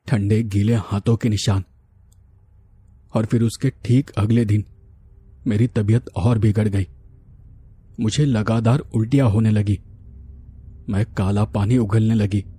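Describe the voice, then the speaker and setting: A man narrating a horror story in a slow, measured, hushed way. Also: lowish voice, breathy edge, no echo.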